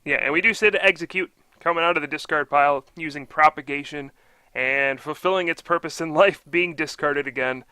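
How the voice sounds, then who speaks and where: A man's voice: a little high, a little fast, bright, forceful tone, clean tone, no echo. A man doing live card game commentary, upbeat and analytical, explaining each play.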